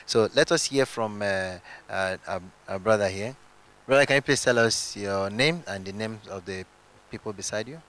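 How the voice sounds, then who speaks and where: A man's voice: on the low side, moderate pace, a bit bright. Formal male church interviewer. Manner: formal, prompting questions. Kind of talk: on-stage interview.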